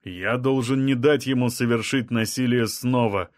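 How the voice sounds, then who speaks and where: A male reader voicing a calm, blunt man from another kind of people, level and matter-of-fact even about killing. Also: medium pitch, moderate pace, no echo, studio quality, close to an everyday voice. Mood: cold resolve.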